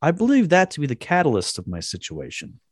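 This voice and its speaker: A man's voice: fairly high pitch, huge pitch swings, fairly quick, husky, no room sound, clean studio sound. Crude joking man reading a post. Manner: crude joking, laughing often. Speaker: podcast co-host. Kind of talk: casual chat, reading a post aloud.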